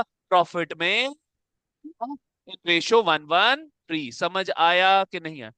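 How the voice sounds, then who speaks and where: A man's voice: high-pitched, sharp tone, no room sound. A man teaching an accounts class to a room of students, coaxing them along and checking often whether they have understood. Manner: coaxing, calls students "beta", keeps asking if it is clear. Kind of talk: classroom lecture.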